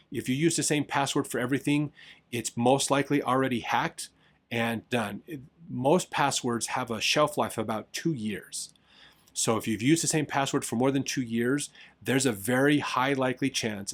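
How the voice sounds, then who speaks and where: Man casually explaining business tools. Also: medium pitch. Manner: conversational, with fillers and repeated "literally". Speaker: host recommending business tools.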